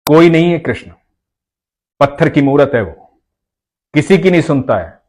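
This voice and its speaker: A man voicing a hurt, angry old ascetic who complains loudly and bitterly. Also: medium pitch, expressive, fast talker, lightly acted. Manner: agitated, complaining.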